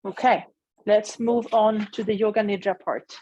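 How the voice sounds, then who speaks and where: A woman teaching yoga and meditation, guiding listeners in a calm, soothing, unhurried way with pauses. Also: mid-range voice, dull audio, slight background noise. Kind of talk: guided relaxation meditation. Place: indoor room in an old house, dry close sound.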